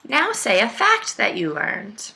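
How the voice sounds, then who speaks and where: Reading a story aloud to young children, the woman, a first-grade teacher, speaks slowly in a fairly high, creaky voice with huge pitch swings and a sharp edge. She is instructional and enunciated, regularly posing questions to her young audience.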